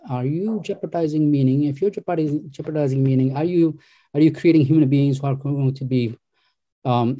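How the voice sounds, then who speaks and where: Hesitant interviewer from Algeria, mellow voice. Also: male voice, mid-range voice, dull audio. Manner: hesitant, many ums and restarts. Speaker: podcast host interviewer. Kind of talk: remote interview conversation. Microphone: video call.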